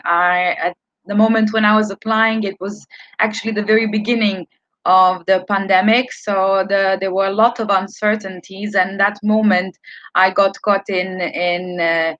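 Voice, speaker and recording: Woman, twenties, from Serbia, earnest student talk, halting with fillers, dull dry sound. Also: mid-range voice, a bit bright, dry recording. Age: 20s. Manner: earnest, with many uh fillers and restarts. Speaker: student speaker. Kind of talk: prepared talk to an online audience.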